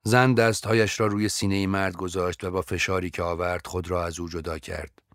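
A man narrating a story in a steady, measured audiobook reading. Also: sits low, no echo, studio quality.

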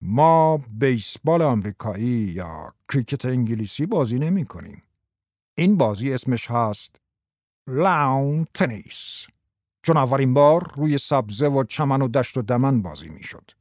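A man voicing a patient, gloomy middle-aged husband, explaining things slowly in a subdued voice. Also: mid-range voice, sing-song, darkish tone, no echo, clean studio sound. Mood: lecturing. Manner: slow, lecturing, subdued.

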